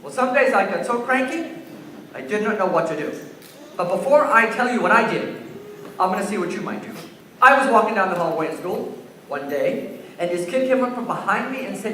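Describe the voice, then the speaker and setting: A man's voice: sits high, pushed and bright, heavy reverb, a little hiss or hum. A man presenting a school assembly to young children, telling a story and asking the kids questions, recorded in a large gym by a far-off camera. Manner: asks the children questions and takes answers.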